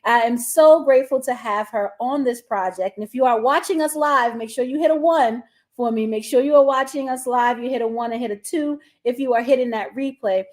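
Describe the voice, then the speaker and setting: A woman's voice: on the high side, brisk. Upbeat woman hosting a live stream. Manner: upbeat, addresses viewers directly. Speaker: host.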